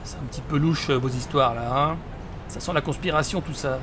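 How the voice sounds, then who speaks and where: A man's voice: a little high, a little fast, noisy background. A man giving casual video game commentary as a let's play host. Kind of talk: casual game commentary and reading dialogue aloud.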